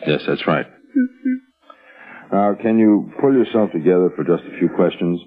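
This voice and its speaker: A man playing a calm, firm prosecutor in a 1950s radio drama, with a controlled, official manner. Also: low-pitched, moderate pace. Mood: calm, businesslike. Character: businesslike assistant district attorney, calm, firm questioner. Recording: muffled vintage radio recording with music.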